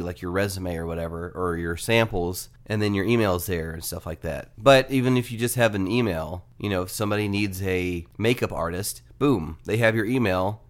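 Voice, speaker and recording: A man with a nasal, fairly low voice talks through a casual plug for his podcast. He jokes and drifts into quick asides as he goes. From Atlanta area. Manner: joking, conversational, asides. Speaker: podcast host. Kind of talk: casual promo read.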